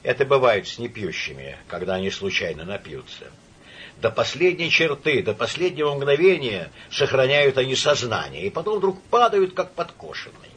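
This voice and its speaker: A man reading an audiobook in a dramatic, expressive way, with a husky voice. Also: mid-range voice, normal speed, slight background noise. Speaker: audiobook narrator.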